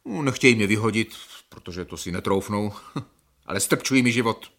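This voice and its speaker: An actor playing a restless, defensive male patient in a radio drama, quick to flare up. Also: lowish voice, a bit bright. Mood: indignant. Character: touchy chain-smoking male scientist patient.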